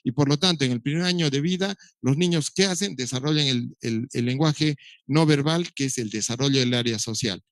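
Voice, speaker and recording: A man's voice: medium pitch, fairly quick, no echo. Man lecturing on child speech. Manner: explanatory, imitates baby sounds, dry humor. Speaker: doctor lecturing on child development. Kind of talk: recorded lecture.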